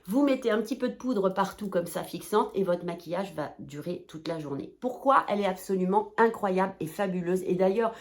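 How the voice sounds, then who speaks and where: A woman chatting casually to her viewers in a shopping haul video, bubbly and excitable, rambling and breaking into playful exclamations. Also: mid-range voice, brisk, few pauses. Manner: talks straight to viewers, chatty and informal.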